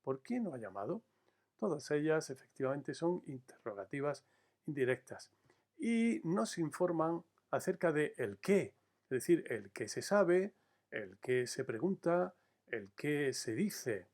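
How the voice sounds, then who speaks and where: A man teaching a recorded grammar lesson, explaining in a measured way, slowing to stress key words and addressing his students directly. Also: on the high side, very animated, a little mellow.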